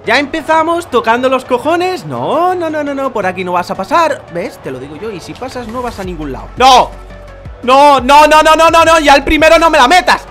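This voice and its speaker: Young man, Spain accent, live gameplay commentary, high animated voice, cursing, frustrated outbursts, game music behind. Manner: swings between frustrated shouting and muttering, swears a lot. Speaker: gaming youtuber.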